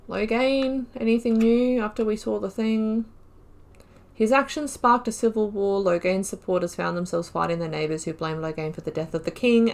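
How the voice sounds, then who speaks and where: This woman has a creaky, mid-range voice and hosts a game playthrough, reading lore entries aloud. She breaks off into casual, rambling asides, chatty and prone to trailing off and restarting mid-sentence.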